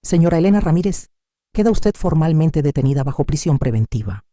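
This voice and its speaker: A woman's voice: sits low, lively intonation, brisk, dark tone, no room sound, clean studio sound. A woman voicing a firm, formal police officer in an audio story.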